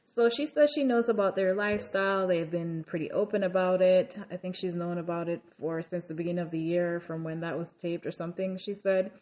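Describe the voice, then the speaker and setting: Brisk and barely pausing, this woman talks with a steady, darkish tone as she recaps a reality show episode in a chatty, offhand way. She scatters fillers and side comments throughout and switches to a higher pitch to perform quoted lines.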